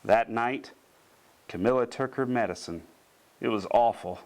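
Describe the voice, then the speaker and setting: A man's voice: medium pitch, measured pace, darkish tone. A man narrating a children's bedtime story expressively, with dramatic emphasis on key words. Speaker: storybook reader.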